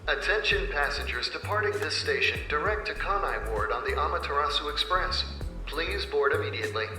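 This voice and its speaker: A man voicing a formal train station announcer, heard over a station loudspeaker with a measured announcing manner. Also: a little high, animated, faint music behind. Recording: echoey, distant loudspeaker sound.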